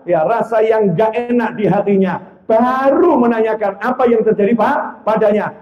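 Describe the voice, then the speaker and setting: A man preaching a sermon to a congregation, animated, swinging between loud exclamations and soft low asides and acting out the voices of people in his stories. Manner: acts out quoted voices in dialogue. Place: mosque or hall before a congregation. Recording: echoey room, dull lo-fi sound.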